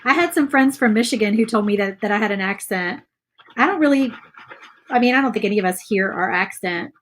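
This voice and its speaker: Fairly quick and bright, this medium-pitched woman's voice belongs to a Virginia craft vlogger in her thirties with a light Southern lilt. Friendly and chatty, she paints and answers viewers' live comments, talking her thoughts through, recorded on a close phone or camera.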